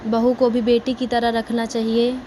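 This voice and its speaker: A woman voicing a sharp-tempered older mother-in-law who scolds and demands answers in a folk tale. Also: a little high, level tone, normal speed, a little hiss or hum, close to an everyday voice. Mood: remorseful.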